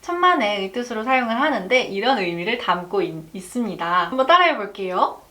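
A woman teaching a French lesson, slowly and carefully demonstrating pronunciation for learners to repeat. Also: mid-range voice, very animated, pushed and bright. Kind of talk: language lesson.

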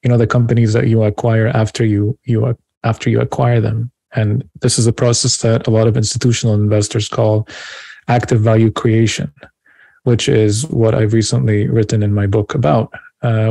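A man in his thirties from Lebanon, a finance advisor and podcast guest, speaking calmly over a video call from a room at home. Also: fairly low pitch, gravelly, dry recording. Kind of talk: remote podcast interview.

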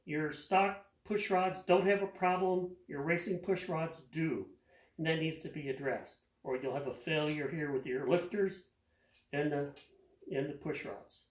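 On the high side and a little slow, with a steady tone, this older man describes rebuilding an engine at home in his garage. He speaks plainly and practically, repeating words mid-task, giving a hands-on how-to. Echo from the garage colors the recording.

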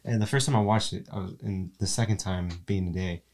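A man's voice: deep voice, a little fast. Congested young man chatting about films. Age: young adult. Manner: rambling, self-correcting, relaxed. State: congested from allergies. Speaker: podcast co-host. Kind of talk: casual film review chat.

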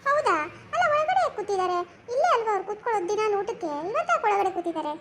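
A woman voicing a lively young woman, a protective niece who keeps asking pointed questions in a cartoon. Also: extremely high pitch, heavy background noise. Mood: probing. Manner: quick, questioning, sharp-tongued. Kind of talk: cartoon comedy voice acting.

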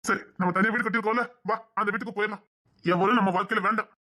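A woman's voice: medium pitch, fairly even intonation, bright, forceful tone. A woman acting an obsessive young man who begs and threatens his beloved, in a web drama. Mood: pleading. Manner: pleading and possessive, fast.

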